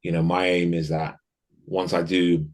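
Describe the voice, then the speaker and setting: A man speaks as a guest in a relaxed interview. His voice sits very low, and he thinks out loud, circling back and restarting his sentences as he goes. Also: a little slow. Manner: reflective, thinks aloud with frequent restarts. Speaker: podcast guest. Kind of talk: casual interview conversation.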